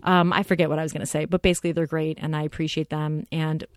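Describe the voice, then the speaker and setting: A woman co-hosting a casual film podcast, talking excitedly and rambling with lots of fillers. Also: low-pitched, fast, dry recording, clean studio sound. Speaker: podcast co-host.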